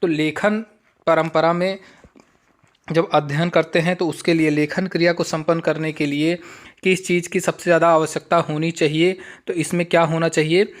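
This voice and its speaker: Man, somewhat high-pitched, teacher, exam-prep lesson, slow careful reading. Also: level tone. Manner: reads each option slowly, then explains in plain Hindi.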